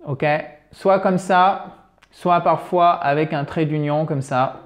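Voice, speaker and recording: Slow, careful teacher man. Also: on the high side. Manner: explains slowly, repeats English words with careful stress. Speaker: English teacher. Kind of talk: video lesson.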